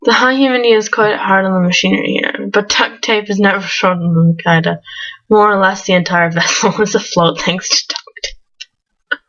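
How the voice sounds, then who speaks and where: Woman, mid-pitched, reads game text aloud with giggly asides; muffled lo-fi home recording. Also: steady tone, normal speed, a bit bright. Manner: giggly, breaks into laughs between read lines. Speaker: let's play gamer. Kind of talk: reading game text aloud with casual commentary.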